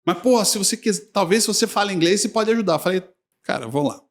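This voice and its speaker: A man's voice: high-pitched, fast. A male sports journalist, telling anecdotes in a casual podcast chat with frequent laughter. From Brazil.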